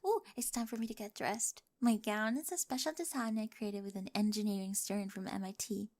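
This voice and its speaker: In a scripted ASMR roleplay, a woman lightly acts as a quirky, analytical young bride who is earnest and loving and uses precise scientific phrasing. Her medium-pitched, slightly mellow voice moves fairly quickly, and the mood is bubbly and affectionate.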